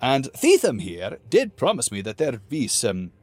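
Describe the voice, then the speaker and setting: A man doing a gruff, grumbling dwarf general. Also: mid-range voice, huge pitch swings, measured pace, no room sound, faint music behind, voice pushed up, exaggerated voice. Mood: grudging. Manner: grumbling, blunt. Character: gruff grumpy battle-worn male dwarf general.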